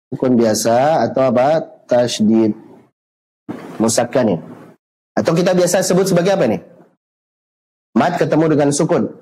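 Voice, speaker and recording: A man teaching Quran recitation rules online, asking questions and answering them himself, with slow drawn-out recited examples. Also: medium pitch, warm tone, poor audio.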